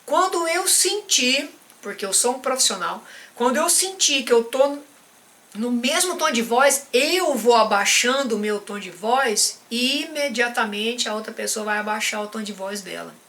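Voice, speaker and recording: A man with a Brazilian Portuguese accent, a behavior and emotional intelligence coach giving a live-stream teaching talk. He speaks straight to the viewer and keeps checking in with a quick "tá?". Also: very high-pitched, bright, forceful tone.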